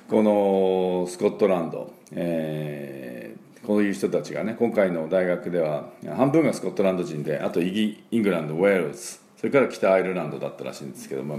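A middle-aged man with chatty, filler-heavy talk, hosting a daily English lesson and slowly drilling pronunciation. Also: deep voice, darkish tone, echoey room. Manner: chatty, many fillers, slow drawn-out teaching of sounds. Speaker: English teacher and school head.

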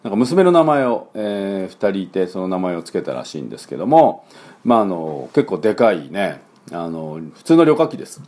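Chatty teacher, lively pitch. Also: male voice. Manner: coaching learners to repeat, demonstrating sounds slowly; many fillers, relaxed and chatty. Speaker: English conversation teacher. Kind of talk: pronunciation lesson.

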